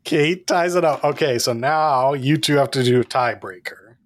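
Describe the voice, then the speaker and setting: A man answers trivia questions on a podcast and ribs the others with playful, announcer-style teasing. His voice is mid-pitched and close-miked, with a dry sound. He keeps it loose and casual. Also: moderate pace, dry recording. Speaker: podcast co-host and quiz contestant.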